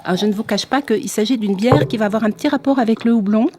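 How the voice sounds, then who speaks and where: A French woman hosting a podcast conversation, talking in a measured, explanatory way with frequent fillers. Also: a little high, background noise. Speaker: podcast host. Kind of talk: hosted conversation.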